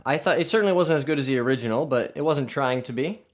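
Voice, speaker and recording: A man's voice: mid-range voice, fast. A man hosting a golf live stream, casually reading viewer comments aloud and answering them in an upbeat way.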